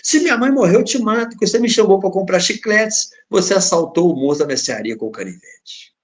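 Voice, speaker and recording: A man's voice: a little high, animated, a little fast, darkish tone. A man with a Brazilian Portuguese accent voicing an angry young boy who turns on his accomplice.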